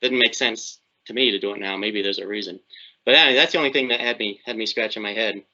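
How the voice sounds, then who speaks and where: A man's voice: fairly low pitch, fast, sharp tone. A man on a podcast panel talking casually, puzzling over questions he has. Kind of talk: casual discussion. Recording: muffled lo-fi audio.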